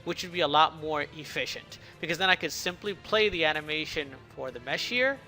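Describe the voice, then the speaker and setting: A man gives a casual, explanatory devlog in a bright, slightly high voice. His words are a bit slurred, as if around a swollen lip, and he occasionally stumbles. Music plays behind him. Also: fairly quick, low-quality recording. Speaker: indie game developer narrating a devlog.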